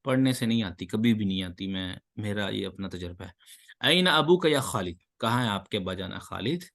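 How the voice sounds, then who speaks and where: A man's voice: lowish voice, animated, vocal fry, a bit bright. Male Arabic teacher, reads the lines, translates them, praises answers. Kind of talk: online Arabic lesson.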